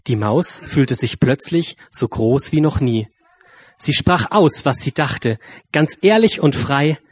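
A man reading a rhyming children's story aloud with a lively, drawn-out delivery. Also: medium pitch, breathy edge, no room sound.

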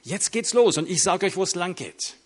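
A man voicing a boastful, triumphant king who commands the crowd, raised high and loud. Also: lively intonation, moderate pace, husky.

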